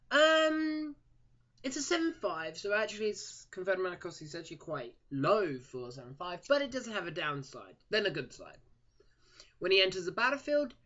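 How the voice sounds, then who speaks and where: A man's voice: a little high, a bit bright, muffled recording. A man casually reviewing trading cards in a chatty way, stumbling over card names and joking at himself.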